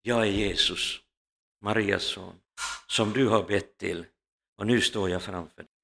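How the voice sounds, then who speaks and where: A man voicing Jesus in a story, speaking in a solemn, measured way. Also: on the low side, steady tone, vocal fry, a bit bright, big-room sound, a little hiss or hum. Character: Jesus speaking with calm authority.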